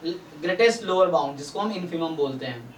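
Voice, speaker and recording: A man's voice: a little high, lively intonation, fairly quick. A man, a statistics and maths teacher, explains problems step by step in a Hindi-English mix and checks whether students follow. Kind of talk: doubt-clearing online class. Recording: roomy, distant mic, faint noise.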